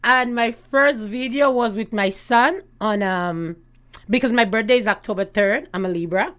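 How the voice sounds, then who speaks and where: A woman's voice: on the high side, moderate pace, fairly bright tone. A middle-aged woman from Canada, a guest in a casual chat who tells stories in a chatty way and laughs often. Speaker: guest, YouTube gossip host.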